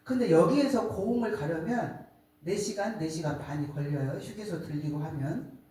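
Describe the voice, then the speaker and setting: Middle-aged woman, church testimony, animated storyteller, far mic, very roomy echo. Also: on the low side, normal speed. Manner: animated storytelling, acts out quoted voices. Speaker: church speaker giving a testimony. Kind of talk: sermon testimony. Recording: echoey room, distant mic.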